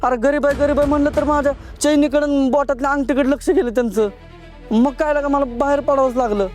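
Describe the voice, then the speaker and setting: An actor playing a poor, jittery tea-stall owner who pleads theatrically. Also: male voice, very high-pitched, steady tone, fast talker, darkish tone, faint music behind. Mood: fretful.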